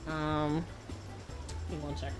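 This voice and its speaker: A woman's voice: low voice, monotone, takes it slowly, over music. A woman livestreamer chatting casually over a game stream with a cute, bubbly anime-streamer manner.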